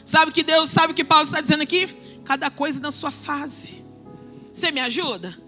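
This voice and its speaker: A woman in her forties delivers an emphatic church sermon in a very high, bright, forceful voice. She drops into soft asides and then rises to shouted declarations. Faint music plays behind her. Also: moderate pace. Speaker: preacher.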